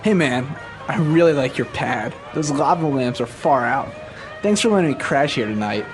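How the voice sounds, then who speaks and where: A man's voice: mid-range voice, lively intonation, normal speed, a crowd in the background, natural voice. A man playing a laid-back young 1960s hippie who talks in easygoing slang, with music behind him. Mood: relaxed.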